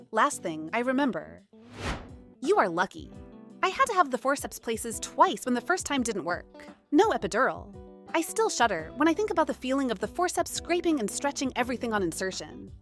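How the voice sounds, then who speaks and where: A woman reading online stories aloud as a narrator, in an expressive way. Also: sits high, fairly quick, faint music behind. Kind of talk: scripted narration.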